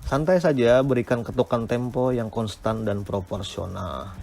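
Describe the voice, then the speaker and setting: A man's voice: medium pitch, steady tone, moderate pace, vocal fry, darkish tone, slight background noise. A man giving an academic lecture on speaking technique, explaining step by step with frequent hesitant "eh" fillers.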